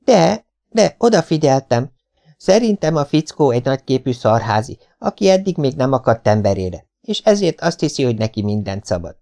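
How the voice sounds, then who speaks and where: A man's voice: medium pitch, big pitch swings, creaky, warm tone, pitched above the performer's own voice. A man reading an audiobook, voicing a hot-headed, foul-mouthed male police officer who blusters and swears. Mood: scornful.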